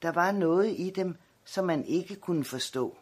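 Husky male storyteller, slightly high voice, calm measured reading. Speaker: narrator. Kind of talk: audiobook narration.

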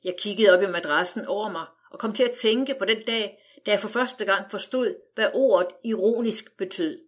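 A woman reading a first-person audiobook aloud in a wry, measured storytelling manner. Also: mid-range voice. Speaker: audiobook narrator.

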